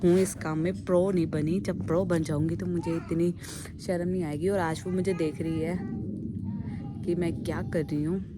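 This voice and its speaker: Hoarse young woman vlogging outdoors. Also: on the low side, fairly even intonation, moderate pace, noisy background. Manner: chatty, addresses viewers as guys. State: hoarse, sore throat; short of breath after stairs. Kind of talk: casual vlog chat. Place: outdoors on a rooftop, windy. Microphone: phone held by hand.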